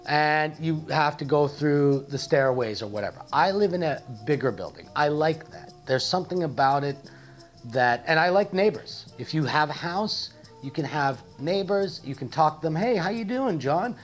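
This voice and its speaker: A man's voice: on the high side, normal speed, soft background music. A young man telling a comic story in a playful, mock-dramatic way. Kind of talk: comedic storytelling monologue.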